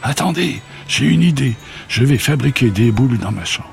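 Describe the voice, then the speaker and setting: Storybook girl, curious and kind, read by a man in a low, barely altered voice. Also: very animated, normal speed, faint music behind.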